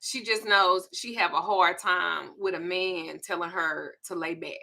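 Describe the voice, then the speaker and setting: A woman's voice: lowish voice, fairly even intonation, unhurried, creaky, sharp tone. A woman in her forties with a Southern US accent, hosting a candid, profane, confiding casual chat. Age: 40s. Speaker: host.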